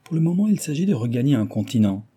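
A man's voice: medium pitch, sing-song, quick pace, warm tone, husky, no echo, voice pushed up. A man voicing a self-assured, mocking American billionaire in an audiobook, talking with animation. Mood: animated.

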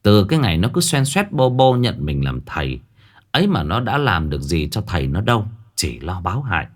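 Lively low-voiced man telling a ghost story. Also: brisk. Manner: lively storytelling with colorful rural slang.

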